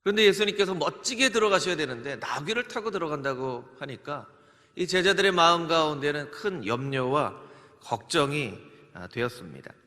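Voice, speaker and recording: A man's voice: on the high side, bright, forceful tone. A man preaching as pastor, leading the congregation through greetings and scripture recitation in an earnest sermon style. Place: church sanctuary. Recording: long church hall reverb.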